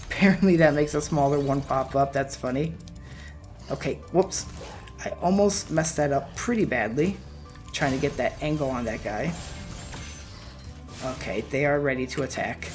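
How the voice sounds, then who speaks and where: A man giving relaxed, chatty commentary while playing a video game, his voice wearing out. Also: a little high. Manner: relaxed, chatty, laughs at his own mistakes. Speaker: let's play gamer. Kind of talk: casual gameplay commentary.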